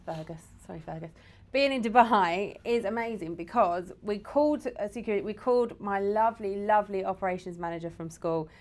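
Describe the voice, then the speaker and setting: An Englishwoman co-hosts a casual podcast from her home in the UAE, speaking fairly quickly at a medium pitch. She's chatty, laughs a lot, and teases.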